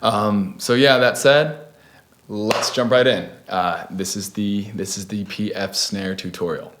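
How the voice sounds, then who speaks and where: A young man hosting a casual video tutorial, laid-back and chatty with lots of fillers and restarts. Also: deep voice. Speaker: beatbox tutorial host.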